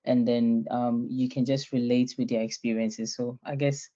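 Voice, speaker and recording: A woman's voice: very deep voice, flat delivery, normal speed, mellow. Young woman from Ghana, lo-fi call. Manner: friendly, laughs easily, many "um" fillers. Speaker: guest. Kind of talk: online interview, self-introduction.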